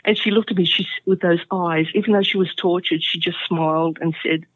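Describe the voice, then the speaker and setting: Guest: woman, earnest and halting storyteller; tinny phone-line audio, dry. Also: lowish voice, steady tone, husky, no echo. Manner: earnest, halting, many fillers. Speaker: interview guest. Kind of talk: telling a personal story.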